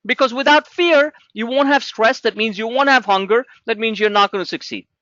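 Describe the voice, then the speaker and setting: High, bright-voiced man pitching trading. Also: a little fast, dry recording, muffled recording. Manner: animated, pushy salesman patter with chart talk. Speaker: trading webinar host. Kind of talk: live trading webinar talk.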